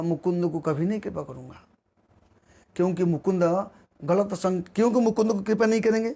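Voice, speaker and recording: A man preaching a devotional storytelling sermon, acting out the voices of the people in his stories. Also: a little mellow. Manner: acts out quoted voices with dramatic shifts in pitch and pace.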